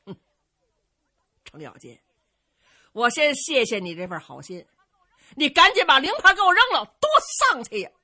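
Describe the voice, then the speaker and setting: A shrewd, dignified male strategist, as a woman storyteller puts him on, measured and scolding. Her voice stays bright and slightly husky, with lively rises on each rebuke. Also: on the low side, full character voice.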